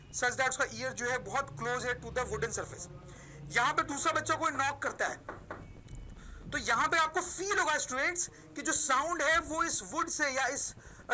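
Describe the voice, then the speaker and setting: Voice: high-pitched, sharp tone, slight background noise, low-quality recording. A woman teacher from Pakistan giving a recorded video lecture, calling out to her students again and again and answering her own questions. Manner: explains slowly, poses questions and answers them herself; addresses the listeners as "students" almost every sentence.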